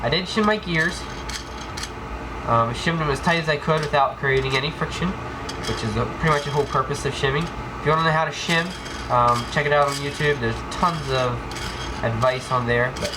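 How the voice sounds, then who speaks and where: A man with a cold and a voice on the high side talks at normal speed while demonstrating airsoft gearbox tech. Working on the floor indoors, he rambles through his casual tutorial with many ums and restarts. The recording is a noisy home video with clicks.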